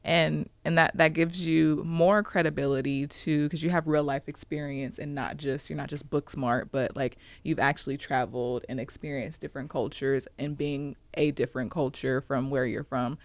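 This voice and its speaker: A woman's voice: low voice, fairly even intonation, moderate pace, few pauses, no echo. Upbeat woman podcast host, dry sound. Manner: upbeat and chatty, laughs often. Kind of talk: podcast interview, scripted intro then casual chat. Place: studio set with a couch.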